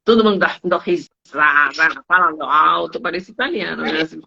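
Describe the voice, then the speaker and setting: A woman, a Spanish teacher and travel agent, talking in an interview and telling anecdotes in an animated way, acting out her students' lines. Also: normal speed, gravelly. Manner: animated storytelling, acts out students' lines in high voices. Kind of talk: interview conversation. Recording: dull lo-fi sound.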